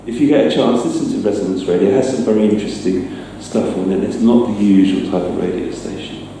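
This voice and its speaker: Presenting in a reverberant indoor venue, a man who makes sound effects gives a casual demonstration talk to a live crowd. His fairly low, creaky voice runs at a quick pace, chatty and hesitant with a self-deprecating streak, recorded from a distance with faint noise.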